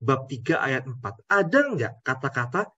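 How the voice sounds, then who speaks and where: Husky-voiced priest teaching Scripture. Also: male voice, mid-range voice, expressive, moderate pace, sharp tone, no room sound, lo-fi sound. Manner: asks rhetorical questions, addresses the audience directly. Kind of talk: conversational Bible teaching.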